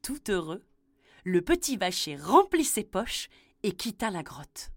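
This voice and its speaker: A woman's voice: mid-range voice, dry recording, clean studio sound. A woman reading a children's fairy tale aloud as a storyteller. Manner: slow, expressive storybook telling.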